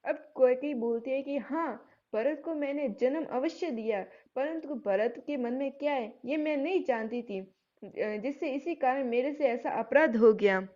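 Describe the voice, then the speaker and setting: A woman with a high voice teaches a poetry class. She recites lines slowly and with weight, then breaks them down in everyday speech. The recording is muffled and lo-fi. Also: a little mellow. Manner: recites verses slowly and drawn-out, then explains in plain talk. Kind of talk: Hindi literature lesson.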